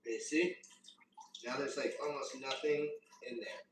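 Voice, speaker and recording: A man's voice: mid-range voice, measured pace. A man chatting casually on a livestream in laid-back bro slang as he demonstrates his home brewing. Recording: roomy echo, distant mic, faint noise.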